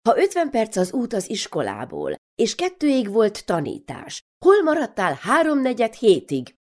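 A woman reading aloud, voicing an exasperated mother who scolds her daughters with rapid-fire nagging questions. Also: a little high, wildly swooping pitch, pitched above the performer's own voice. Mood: scolding.

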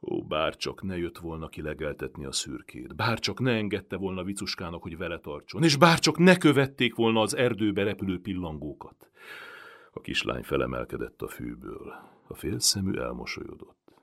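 A deep-voiced man reads a historical tale aloud. His low voice rises and falls widely, dramatic and expressive. It is a lively audiobook narration. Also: creaky. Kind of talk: audiobook reading of a historical novel.

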